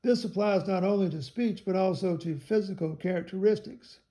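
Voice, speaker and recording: A man reading a theology text aloud in a measured way, spelling out some words letter by letter. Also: sits high, dark tone.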